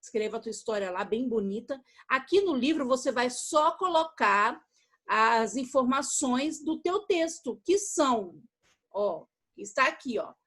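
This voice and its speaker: Brazilian woman, primary teacher; high, gentle and patient video-lesson delivery for young children. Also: animated, measured pace. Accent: Brazilian Portuguese. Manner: patient, repetitive, checks in with "okay?" after each step; affectionate toward pupils, uses diminutives.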